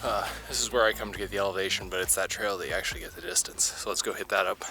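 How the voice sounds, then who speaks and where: A man's voice: deep voice, steady tone, rapid-fire, vocal fry, music in the background, low-quality recording. A man talking casually to camera while running outdoors on a mountain trail, as in a personal vlog. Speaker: running vlogger.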